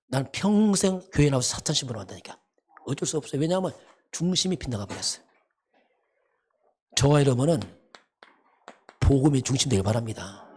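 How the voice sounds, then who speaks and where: A man's voice: medium pitch, darkish tone, slightly rough. A man preaching a sermon as pastor, emphatic and repetitive, often asking rhetorical questions. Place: church sanctuary.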